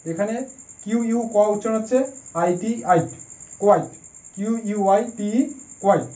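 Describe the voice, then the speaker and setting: A man with a high, warm voice teaches spelling rules patiently and spells each word out letter by letter. The recording sounds dull and roomy, with an echo behind him. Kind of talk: explaining a lesson step by step. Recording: dull, echoey room.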